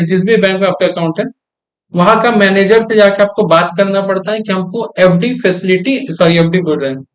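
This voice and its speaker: A young male commerce teacher with a high-pitched voice gives a lecture. He keeps pausing to ask the class quick check questions and repeats the key terms back for emphasis.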